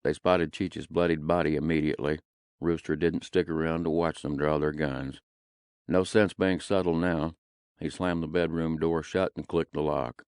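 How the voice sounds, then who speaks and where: Man, audiobook narration, very deep voice, gritty deadpan telling, dry close mic. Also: normal speed, clean tone, no echo.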